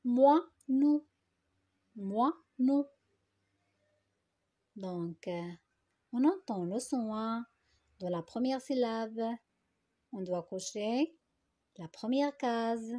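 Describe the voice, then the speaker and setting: A woman teaching a phonics lesson to young children, speaking slowly and deliberately, repeating words and stretching them out syllable by syllable. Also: fairly high pitch, dark tone, highs cut off. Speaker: primary school teacher.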